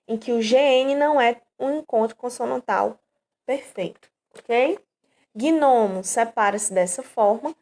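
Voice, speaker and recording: A woman's voice: on the high side, measured pace, a little mellow. A woman from Brazil teaching an online grammar lesson, explaining patiently and checking in with her students often.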